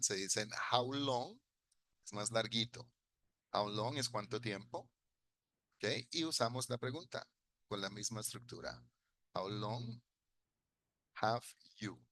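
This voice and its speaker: A man with a fairly low-pitched, sharp voice teaches an English class in Spanish. In this bilingual lesson he patiently explains grammar and repeats phrases for his students.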